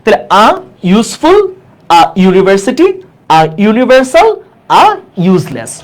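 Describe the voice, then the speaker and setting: A woman teaching an exam-prep English grammar lesson, who keeps asking the class check questions and repeats key words slowly for emphasis. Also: on the high side, big pitch swings.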